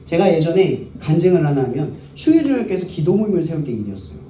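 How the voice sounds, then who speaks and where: A man's slightly high, mellow voice swings widely in pitch as he preaches quickly to a youth service. The pastor engages the crowd by asking questions he then answers himself. The worship hall sounds echoey, the voice is captured from afar, and faint background noise is present.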